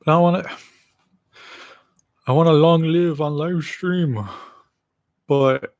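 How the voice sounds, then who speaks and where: Eating as he talks, this livestream host in his late twenties chats casually on his own stream, rambling with self-deprecating humor and a slight lisp. He takes it slowly in a fairly high, steady voice, recorded with no echo and the highs cut off.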